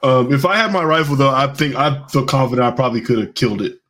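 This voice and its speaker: A man co-hosting a casual chat, animated and joking, swearing freely. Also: medium pitch, fast talker.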